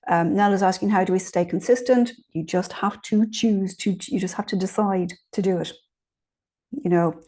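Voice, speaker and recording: This meditation teacher is a woman whose voice sits on the low side with a darkish tone. She teaches informally, takes questions, and keeps an encouraging, conversational feel with frequent check-ins.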